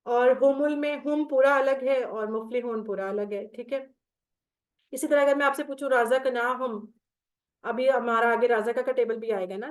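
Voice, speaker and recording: A woman teaching Quranic Arabic grammar in an online class, patient and step by step, reciting verb tables. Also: high voice. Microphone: video call.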